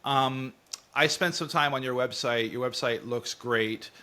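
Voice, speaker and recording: A man's voice: mid-range voice, a little slow, sharp tone. A man hosting a casual interview, chatting and asking questions. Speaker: interview host.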